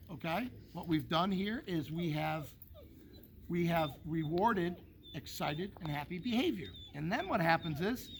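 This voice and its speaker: A dog trainer with a fairly high-pitched voice casually coaches an owner, explaining the dog's behavior through folksy, homely analogies and frequently checking in with "okay?" Slight background noise is audible.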